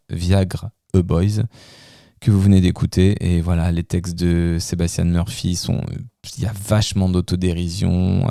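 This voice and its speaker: Low gravelly man hosting radio. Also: warm tone, dry recording, clean studio sound. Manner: hesitant, with many fillers and restarts. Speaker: radio host presenting music. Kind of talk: casual radio music commentary. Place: radio studio.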